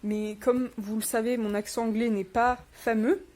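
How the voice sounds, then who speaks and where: A young woman with a fairly high, slightly mellow voice and a flat delivery chats at a moderate pace while unboxing books for her vlog. A little sick, she rambles casually and adds self-deprecating asides.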